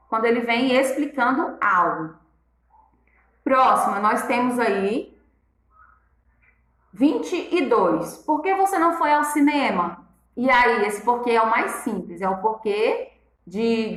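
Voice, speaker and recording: A woman's voice: on the high side, fairly bright tone, roomy sound, rough recording. A woman teacher going through exercise answers one by one, patiently repeating each rule and checking in with her students. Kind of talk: classroom lesson, correcting exercises.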